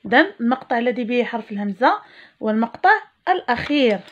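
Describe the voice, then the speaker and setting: A woman teacher with a Moroccan accent, giving a reading lesson for young children and stretching words slowly syllable by syllable. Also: a little high, animated. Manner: slow, drawn-out syllables when modelling words. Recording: dull lo-fi sound.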